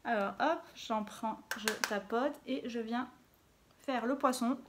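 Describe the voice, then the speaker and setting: A chatty woman beauty vlogger walks through her makeup routine in a relaxed, talkative way, filling pauses with small interjections. Her voice sits a little on the high side, recorded on a phone with a faint hiss behind it. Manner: chatty, fills gaps with little interjections while working. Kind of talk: casual makeup tutorial talk. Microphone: phone camera.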